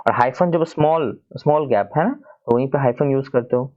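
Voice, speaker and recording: Hindi-accented man teaching grammar, lo-fi. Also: medium pitch. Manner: explanatory, keeps asking "है ना", spells words out slowly. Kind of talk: slide lesson explaining grammar.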